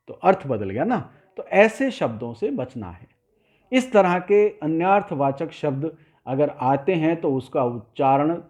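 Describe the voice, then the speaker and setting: A middle-aged man teaching poetry, patiently explaining and slowly repeating example lines word by word. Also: a little high, a little mellow, lo-fi sound. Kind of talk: explanatory lesson.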